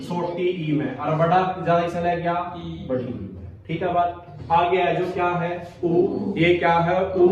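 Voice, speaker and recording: High-voiced teacher in echoey classroom. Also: male voice, far from the mic. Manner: quizzing, repeats questions for the class. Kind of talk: classroom grammar lesson.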